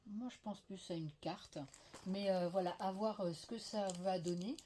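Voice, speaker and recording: Speaking at a moderate pace in a steady, warm, medium-pitched voice, a French woman chats through a casual haul of crafting finds, gushing with many fillers. A lingering cough slightly veils her voice. Faint clatter of dishes and a little hiss or hum can be heard.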